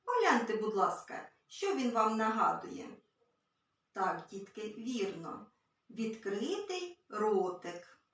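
A woman teaching a literacy lesson to small children, gently and patiently. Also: medium pitch, big pitch swings, takes it slowly. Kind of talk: early-years literacy lesson. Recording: very echoey room, far from mic.

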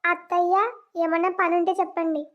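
A blunt, sharp-tongued young wife from a village cartoon, voiced by a woman. She speaks with a very high, piercing voice. The audio is dull and lo-fi. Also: flat delivery, fairly quick. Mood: polite. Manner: scolding, blunt village speech.

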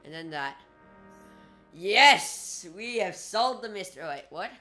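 A young man giving casual, excitable gameplay commentary as a YouTuber, talking to himself and swearing at the game. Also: high-pitched, fairly quick, soft background music. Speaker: gaming YouTuber.

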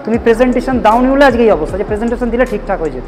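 A man's voice: very high voice, lively intonation, rapid-fire, over music, low-quality recording. A male spoken English teacher, lecturing students firmly and often asking if they understood. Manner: firm, repeatedly checks understanding. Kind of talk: classroom lecture, scolding and advising students.

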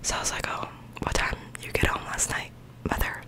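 A woman's voice: a little fast, bright, forceful tone. A young woman tells everyday stories in an intimate, breath-only whisper. She rambles informally, right up close to the microphone, in a casual ASMR style. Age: young adult. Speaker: ASMR creator. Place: small bedroom, indoors. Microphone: large microphone with foam cover, very close.

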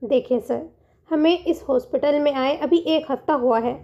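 Cheeky young woman prankster, playful mock-innocent tone, high voice, read by a woman. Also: moderate pace, highs cut off. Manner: teasing and sweetly innocent-sounding.

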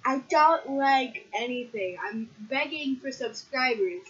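A woman chatting casually and loudly on a vlog, teasing her co-host and often shouting during a candy challenge. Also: high voice, expressive, slow pace, muffled recording.

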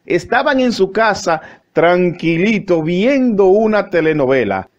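A man's voice: sits high, very animated, measured pace. A man telling a joke on the radio in a playful, sing-song way, on muffled lo-fi sound. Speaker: joke teller. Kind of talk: comic storytelling on radio.

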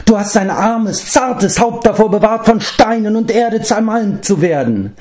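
A shaggy, half-wild storybook creature that shrieks its praise in a thin, shrill, very high voice. It grovels and fawns with sweeping leaps of pitch. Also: male voice, expressive, a little slow, darkish tone. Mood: groveling awe.

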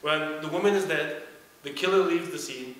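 A man's voice: fairly high pitch, moderate pace, a bit bright. A man in an audience giving a spontaneous comment in a discussion. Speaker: audience member. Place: large lecture theatre. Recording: very echoey hall with background noise.

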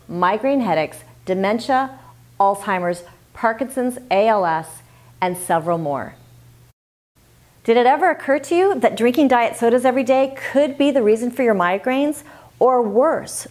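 Lively, emphatic woman giving health advice. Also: fairly high pitch. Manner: emphatic, lively delivery with rhetorical questions. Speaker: health tips host. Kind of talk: scripted direct-to-camera health advice.

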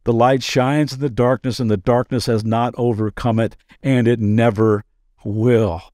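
Male pastor, devotional podcast, earnest and chatty, middle pitch, dry close studio sound. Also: steady tone, a little mellow, no echo. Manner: conversational and earnest, with quick asides and playful jokes. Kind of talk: daily devotional podcast teaching.

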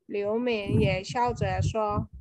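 Woman student reading slowly aloud. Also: mid-range voice, steady tone, darkish tone, rough recording. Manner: careful, word-by-word reading. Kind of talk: reading a textbook dialogue aloud.

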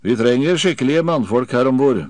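A man reading an audiobook and voicing a ruthless pirate captain with a hoarse, piercing voice, speaking calmly. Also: medium pitch, no echo, studio quality, pitched above the performer's own voice, lightly acted. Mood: cold calm. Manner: calm, menacing.

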